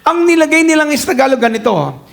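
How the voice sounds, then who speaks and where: A middle-aged man preaching a lively sermon, slipping into English phrases and laughing as he speaks. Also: very high-pitched, quick pace, creaky. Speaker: pastor.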